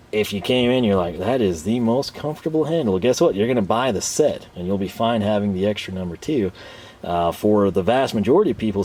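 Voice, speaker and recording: A tool review channel host with a lowish, slightly mellow voice chats his way through an unscripted product review. He's rambling and self-deprecating, and his weary voice is starting to go.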